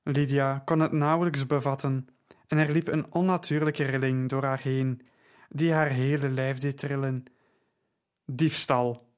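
A man narrating an audiobook in a measured, steady storytelling manner. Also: medium pitch, smooth.

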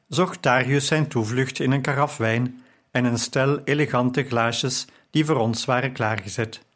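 A man narrating an audiobook chapter in a steady, measured way. His voice sits at a mid pitch for a man. The telling stays calm and evenly paced. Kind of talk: scripted narration.

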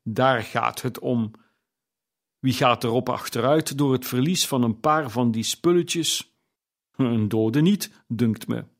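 A man's voice: mid-range voice, takes it slowly. A man doing a brazen scheming charwoman. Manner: brazen, challenging. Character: brash scheming charwoman, bold and defiant. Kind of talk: audiobook character reading.

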